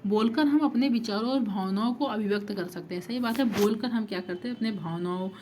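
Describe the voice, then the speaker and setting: A woman teacher explains step by step, asking rhetorical questions and checking in with "okay?". Her voice sits at a middle pitch. Faint noise hangs behind her. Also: quick pace, a little mellow. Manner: repetitive, rhetorical questions, frequent 'thik hai'. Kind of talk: exam-prep lecture.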